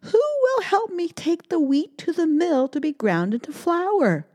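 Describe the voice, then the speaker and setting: A woman's voice: extremely high pitch, very animated, unhurried, darkish tone, pitched above the performer's own voice, heavily acted. A woman voicing a small, hardworking hen in a children's storybook reading, asking and answering in a raised, insistent voice. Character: hardworking little red hen, small, determined.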